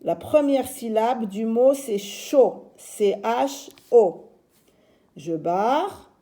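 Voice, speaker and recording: A woman teacher giving a slow, patient reading lesson to young children, sounding out each syllable. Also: fairly high pitch, animated, dark tone.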